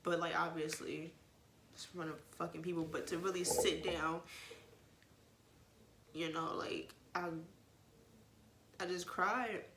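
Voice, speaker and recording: A woman's voice: lowish voice, steady tone, unhurried, long pauses, noisy background. A woman vlogger frankly telling an emotional personal story in casual talk, with plenty of swearing and rambling asides. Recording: roomy echo.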